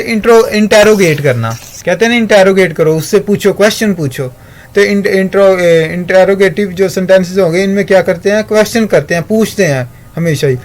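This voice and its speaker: A man gives a recorded grammar lesson in a fairly high voice. He moves step by step, asking questions and answering them himself. He slows right down to read each English example sentence carefully. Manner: explains step by step, asks and answers his own questions.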